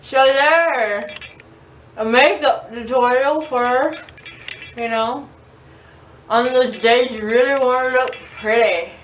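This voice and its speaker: This vlogger takes things slowly in a high voice, leaving long pauses as she rambles to camera casually in a makeup tutorial. Anesthesia has left her groggy and loopy, and dental surgery has left her mouth numb and sore. A distant mic in a roomy space picks up faint noise.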